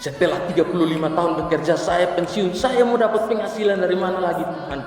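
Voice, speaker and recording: A preacher putting on a lamenting husband. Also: male voice, sits high, fast, darkish tone, pitched above the performer's own voice, lightly acted. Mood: pleading lament. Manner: pleading, complaining prayer. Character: distressed middle-aged husband lamenting a hard year. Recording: echoey church hall, distant mic.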